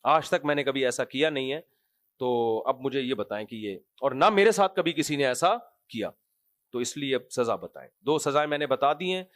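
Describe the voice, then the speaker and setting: A man voicing a scheming noblewoman who feigns wronged innocence, speaking in a soft, coaxing, insinuating way. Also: medium pitch, animated, no room sound, natural voice.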